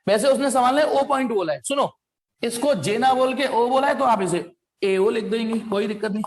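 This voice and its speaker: A man's voice: extremely high pitch, brisk. A man teaching a physics class, repeating key phrases and coaxing his students, whom he calls "beta". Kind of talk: classroom lecture at a whiteboard. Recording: echoey classroom with long reverb.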